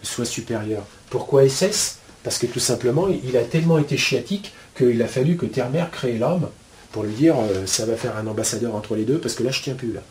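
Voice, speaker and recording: A man explains spiritual concepts colloquially, as if at a board, his pitch swinging widely and his speech peppered with blunt slang and constant asides. He's animated and a little fast, with a slightly mellow voice and some faint background noise.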